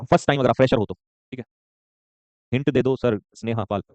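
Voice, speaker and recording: A man teaching a live online vocabulary class, joking and rapid, often checking in with students and calling them son. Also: medium pitch, no echo, highs cut off. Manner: joking, rapid, keeps asking "okay?"; addresses students warmly as son.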